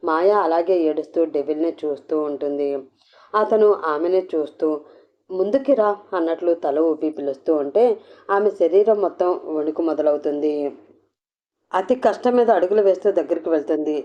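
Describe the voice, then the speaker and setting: A woman narrating an audio novel in a steady, expressive storytelling manner. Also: low-pitched, normal speed. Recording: dull lo-fi audio.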